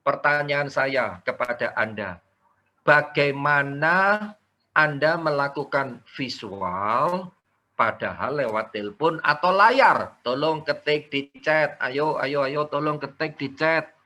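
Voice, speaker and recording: A man teaching a live online sales training, energetic and coaxing participants to type answers in the chat. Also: medium pitch, measured pace. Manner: mixes in English words.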